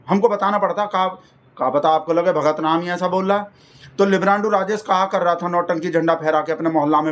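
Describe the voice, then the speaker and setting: A man delivering a rambling, folksy satirical comedy monologue. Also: high-pitched. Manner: folksy, rambling, keeps addressing the listener as brother. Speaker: comic persona host.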